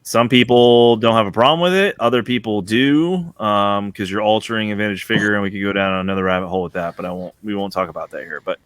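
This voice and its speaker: A man on a podcast video call, explaining at length with soft trailing asides. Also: fairly low pitch, fast talker, few pauses, smooth, dry recording. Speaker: podcast co-host. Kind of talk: casual chat.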